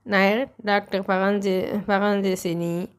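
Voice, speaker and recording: A woman's voice: mid-range voice, flat delivery, unhurried, clear, resonant tone, close to an everyday voice. A woman doing a proud, offhand young man. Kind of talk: audiobook narration.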